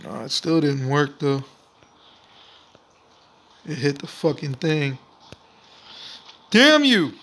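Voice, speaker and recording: A man's voice: medium pitch, steady tone, takes it slowly, vocal fry, long pauses. A young man doing casual let's play commentary in a slangy, swearing frat-bro manner, given to exclaiming. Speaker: gaming video host.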